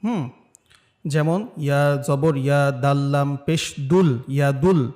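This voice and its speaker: A man with a Bangladeshi Bengali accent teaching Quran recitation. He patiently explains pronunciation rules, then stretches each word slowly so learners can repeat after him. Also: fairly high pitch, fairly even intonation, mellow. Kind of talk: step-by-step recitation lesson.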